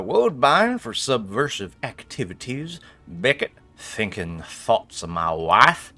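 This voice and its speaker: A man with a medium-pitched, fairly bright voice hosts a gaming video. He keeps up casual, joking let's play commentary full of wry, playful banter, and reads game text aloud.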